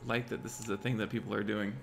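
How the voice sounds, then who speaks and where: A man with a low, gravelly voice mutters his way through a city-building game, half planning out loud and half answering his chat. His talk is loose and casual, and faint music sits under the voice. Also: flat delivery, quick pace. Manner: muttering to himself while planning, talking to chat. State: hiccups. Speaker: livestreamer. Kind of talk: casual gameplay commentary.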